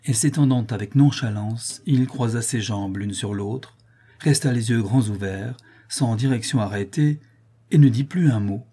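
A man reading a classic story aloud in an even, measured way. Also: mid-range voice, husky. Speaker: narrator.

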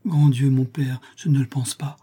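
A man's voice: mid-range voice, moderate pace, mellow, breathy edge, pitched above the performer's own voice, close to an everyday voice. A man voicing a tearful shy young girl. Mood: distressed. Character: tearful shy young woman, gentle and pious. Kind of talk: audiobook reading.

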